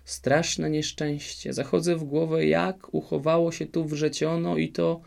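A man's voice: a little high, level tone, normal speed, gravelly, a little mellow, voice pushed up. A man voicing a fretful, fussy fairy-tale king who exclaims in dismay, in a storybook reading.

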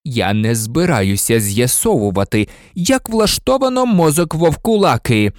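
A man's voice: on the high side, sing-song, moderate pace, no echo, pitched above the performer's own voice. Man doing a vengeful sneering professor, silky voice, dry sound. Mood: hissing.

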